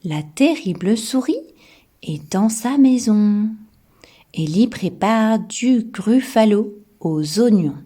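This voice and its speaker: A woman's voice: medium pitch, lively intonation, slow pace, mellow. A woman voicing a composed, teasing owl, reading a storybook to a toddler.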